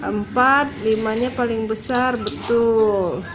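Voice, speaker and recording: High-voiced woman teaching, over-enunciating. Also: fairly even intonation, takes it slowly. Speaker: mother teaching her child. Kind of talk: informal home math lesson for a young child. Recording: clearly noisy home recording.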